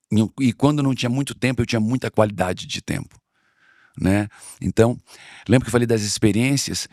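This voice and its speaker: A middle-aged man from Brazil talks in an interview with a gravelly edge to his voice. He is earnest and circles back on his key phrases to drive them home. The recording is dry and close. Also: mid-range voice, no room sound. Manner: earnest, repeats phrases for emphasis. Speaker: interview guest. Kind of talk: conversational interview.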